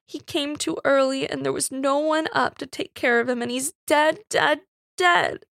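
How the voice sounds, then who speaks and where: Woman as small girl in shock, high, slow, hollow, dry read. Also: steady tone, gravelly, no echo. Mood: grieving. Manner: slow, hollow, then breaking. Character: little girl numb with grief.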